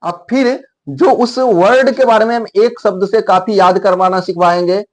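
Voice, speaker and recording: A man's voice: high voice, moderate pace, darkish tone. A man teaching English words in a video lesson, explaining step by step and repeating words to model their pronunciation.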